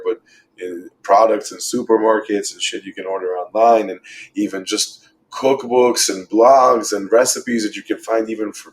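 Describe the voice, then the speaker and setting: The rough recording captures a lower-pitched man in his thirties, a vegan chef from Israel and New York, guesting on a casual podcast. He rapidly lists things, speaking with emphasis and frequent profanity.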